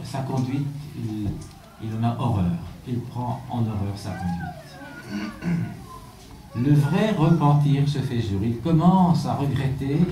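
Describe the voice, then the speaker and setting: A man, a bishop, giving a measured, reflective sermon with rhetorical questions, recorded in a church from a distant mic. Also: medium pitch, warm tone, roomy sound, slight background noise.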